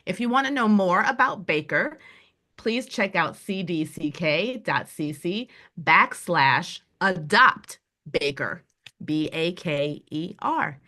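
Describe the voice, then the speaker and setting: Bright-voiced woman hosting a video event. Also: fairly low pitch, expressive, takes it slowly. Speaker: event host. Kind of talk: hosting a virtual adoption event. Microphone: video call.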